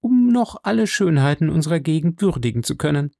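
A man's voice: a little high, big pitch swings, vocal fry, warm tone, dry recording, studio quality, voice pushed up, exaggerated voice. Man voicing a desperate young woman. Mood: urgent. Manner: urgent, pleading, hurried. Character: urgent young woman on a lonely moor.

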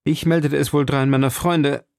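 A man voicing a bold young swordsman who speaks briskly and earnestly to the woman he protects. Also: a little high, fairly even intonation, vocal fry, darkish tone, no echo, clean studio sound, voice pushed up. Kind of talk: audiobook character voice.

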